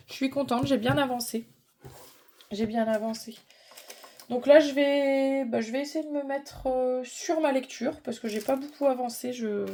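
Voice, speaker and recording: A woman's voice: on the high side, mellow. A middle-aged woman chatting casually in a hobby vlog, informal and rambling as she thinks aloud. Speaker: vlogger.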